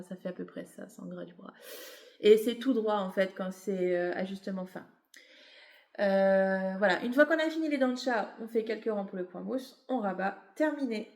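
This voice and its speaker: With a mid-range, a little mellow voice and a roomy sound, a woman describes her knitting. The vlogger is a bit tired and has a cold, and her casual show-and-tell drifts along with lots of fillers and self-corrections.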